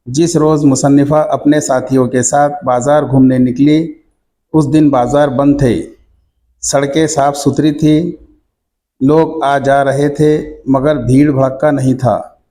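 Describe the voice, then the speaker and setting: A male teacher reading out textbook questions and their answers in a slow, measured dictation manner. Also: medium pitch, warm tone, a little hiss or hum.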